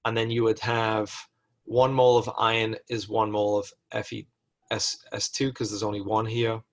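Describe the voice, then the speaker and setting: A man's voice: lowish voice, level tone, normal speed. A male lecturer working through chemistry problems step by step, thinking aloud and correcting himself mid-sentence. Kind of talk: recorded lecture walkthrough.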